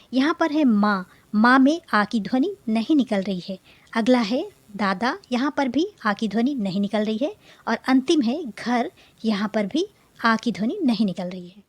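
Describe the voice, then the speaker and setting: A woman's voice: on the high side, no room sound. A woman teacher patiently explaining a primary-school textbook lesson step by step.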